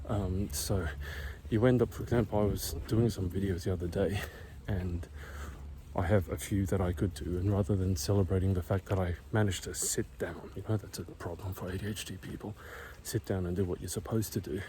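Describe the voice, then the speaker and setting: Walking uphill outdoors through a quiet neighborhood, a middle-aged vlogger whispers and pants through a casual monologue. His low voice holds a steady tone at a brisk pace, hushed throughout, with background noise around him.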